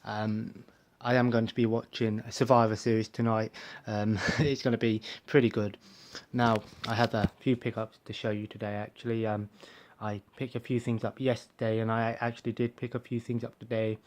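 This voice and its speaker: A young man, talking quietly in a rambling vlog at home, with plenty of ums and uhs. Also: lowish voice, level tone, moderate pace, a little hiss or hum. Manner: soft-spoken, keeping his voice down. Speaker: collector showing purchases. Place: bedroom at home.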